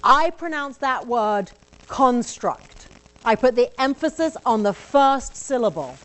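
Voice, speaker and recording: A woman's voice: fairly high pitch, lively intonation, moderate pace, poor audio. A woman with an accent, lecturing a university class in a conversational way, explaining step by step. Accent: non-local accent. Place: lecture room.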